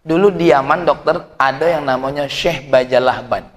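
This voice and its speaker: A man's voice: mid-range voice, moderate pace. A man preaching a dawn religious lecture, telling stories and teasing his listeners. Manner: lively storytelling with teasing asides to listeners. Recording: long hall reverb.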